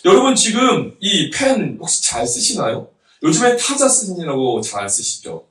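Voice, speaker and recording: A man's voice: high voice, wildly swooping pitch, normal speed, fairly bright tone. A man in his thirties, a pastor, preaching a conversational sermon with jokes and laughter, recorded from a distance in a church sanctuary. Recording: roomy hall from a distance.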